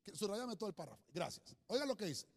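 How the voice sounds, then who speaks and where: A man preaching a sermon with slides, animated and rambling, repeatedly calling listeners brother. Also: high-pitched, fast, gravelly, breathy edge, in a large hall.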